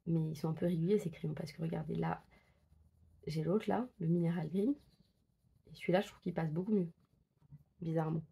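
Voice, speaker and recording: A woman talks casually as she colors, testing pencils and thinking aloud. Her voice is husky and slightly breathy, with a gravelly fry, and her speech is full of fillers and self-corrections. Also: deep voice, steady tone, fairly quick, long pauses, warm tone. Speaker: coloring book vlogger. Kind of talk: casual chat while coloring.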